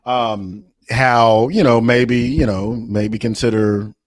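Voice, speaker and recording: A man's voice: medium pitch, steady tone, slow pace, faint music behind. A man with an American accent hosting a casual discussion, rambling and repeating phrases as he frames questions. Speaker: podcast host.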